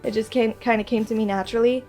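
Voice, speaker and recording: Showing her viewers gifts, a woman with a cold talks fast in a stuffy, nasal voice, gushing girlishly. Her higher pitch stays steady and a little mellow, with soft music in the background.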